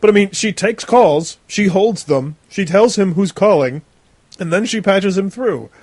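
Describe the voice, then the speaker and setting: A man doing casual movie commentary with a group, emphatic and animated and quick to laugh. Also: high-pitched, no room sound. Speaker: podcast commentator.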